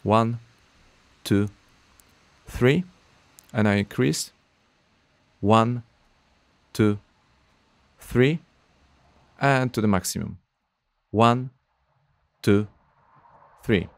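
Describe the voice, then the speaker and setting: Speaking extremely slowly with long pauses, a man in his thirties gives a casual tech review of an audio plugin from his small home studio. His voice is fairly low, and he hesitates a lot, with many "uh" fillers and slightly non-native phrasing, recorded dry through a studio condenser mic on an arm.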